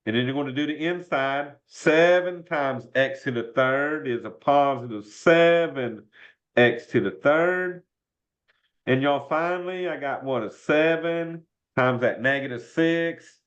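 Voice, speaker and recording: Folksy Southern teacher, higher-pitched man. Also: unhurried. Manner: folksy, says y'all often. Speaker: college algebra teacher. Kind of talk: informal worked-example math lesson. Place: indoors, online video class. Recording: dull lo-fi online class audio.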